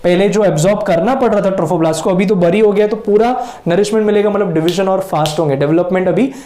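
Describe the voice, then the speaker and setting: A man's voice: high-pitched, mellow. Male biology teacher, echoey room. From India. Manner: switches between Hindi and English, stretches key terms slowly. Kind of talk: whiteboard lecture.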